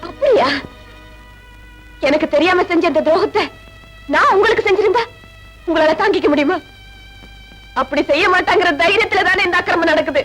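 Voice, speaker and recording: Wronged young wife, tearful, accusing, very high voice, music under it. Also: female voice, a bit bright, poor audio. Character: betrayed young wife, grieving and defiant. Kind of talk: 1980s Tamil film acting. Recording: film soundtrack with music behind.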